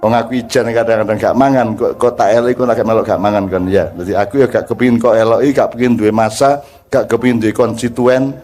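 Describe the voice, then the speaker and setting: A man's voice: mid-range voice, fairly even intonation, quick pace, darkish tone, faint music behind. An older man with an East Javanese accent gives a joking, conversational religious talk to a crowd, often asking them questions. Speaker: preacher.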